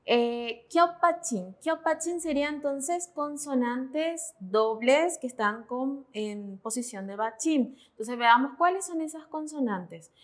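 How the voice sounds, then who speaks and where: A woman's voice: high-pitched, lively intonation, moderate pace, hardly any pauses. A woman teaching Korean pronunciation in Spanish, methodical and often checking in with her students. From Paraguay. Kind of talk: classroom explanation.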